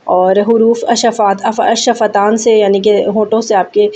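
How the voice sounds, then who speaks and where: A woman's voice: mid-range voice, flat delivery, mellow, a little hiss or hum. A woman explaining a recitation lesson step by step, with hesitant fillers. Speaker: recitation teacher. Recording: dull, muffled lo-fi audio.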